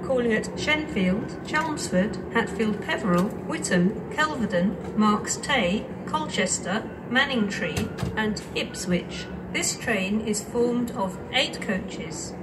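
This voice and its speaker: Slow British woman making train station announcements. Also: fairly high pitch, expressive. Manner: formal, segmented delivery of listed items. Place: railway station public address. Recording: distant station loudspeaker, loud train noise.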